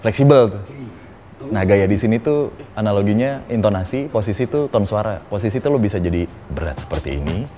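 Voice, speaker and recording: A man's voice: on the low side, a little fast, dark tone. A man who works as a voice over talent, chatting casually and playfully, showing off intonations and voices. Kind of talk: casual explanatory interview.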